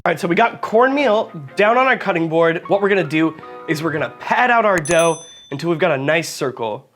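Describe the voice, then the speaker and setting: A man with a high-pitched voice hosts a casual cooking demonstration, talking straight to the viewer in a chatty, jokey way. Faint music plays quietly behind him. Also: animated, a little fast. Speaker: cooking show host.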